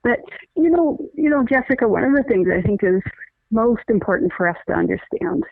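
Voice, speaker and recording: Her pitch sits fairly high, and her voice is expressive yet creaky as she earnestly works through an explanation in a conversational interview. She restarts frequently, speaks deliberately, and comes through a tinny phone line on a dry recording.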